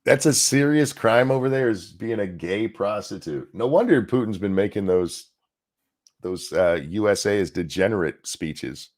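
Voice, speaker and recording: Reading headlines on a laid-back political commentary program, this male co-host keeps dropping into profane, sarcastic remarks. His lowish voice is expressive and moves at a moderate pace, shifting from flat reading to open ridicule.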